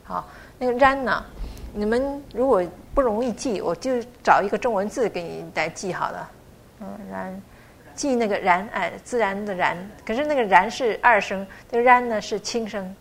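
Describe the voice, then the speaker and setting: A middle-aged woman teaching a class to pronounce a chant, patiently encouraging students and sounding out syllables slowly. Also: mid-range voice, slight background noise. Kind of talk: pronunciation lesson.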